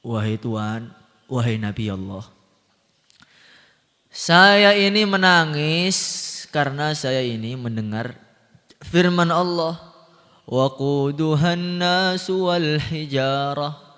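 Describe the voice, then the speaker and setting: A man's voice: fairly high pitch, animated, slow pace, long pauses, fairly bright tone. A man preaching voices a fearful weeping stone speaking to a prophet, in a tearful, pleading tone. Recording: long hall reverb.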